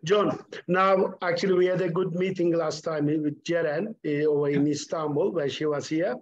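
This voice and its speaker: A man joins a call to talk business, brisk and informal with a few hesitations. His voice sits a bit high. It comes over a dull, muffled line. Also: steady tone.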